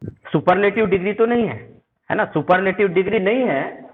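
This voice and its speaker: A man teaching English grammar in Hindi, often pausing to ask whether the listener follows and slowly repeating example words. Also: high-pitched. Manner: spells out sounds and example sentences while writing. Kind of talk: spoken classroom lesson. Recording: narrow phone-like audio.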